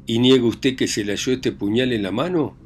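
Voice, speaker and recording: A man's voice: mid-range voice, brisk, slight background noise, lightly acted. A man reading aloud plays a stern, bullying village magistrate who interrogates and barks orders. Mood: furious. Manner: interrogating, commanding, shouting.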